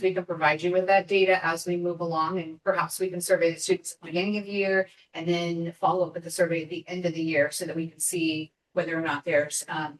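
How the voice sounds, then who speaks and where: A woman district administrator responding to the board in an affirming, organized way. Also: fairly low pitch. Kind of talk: board meeting discussion. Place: board meeting room. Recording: echoey room, distant mic.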